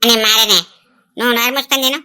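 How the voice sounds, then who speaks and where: A boisterous old village grandmother holds forth with a Telangana Telugu accent, as a woman puts her on. Her voice sits high and very bright, and she orders everyone around. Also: fairly even intonation, quick pace, smooth. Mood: bossy. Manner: bossy, boisterous, sing-song when drunk. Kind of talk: village comedy skit.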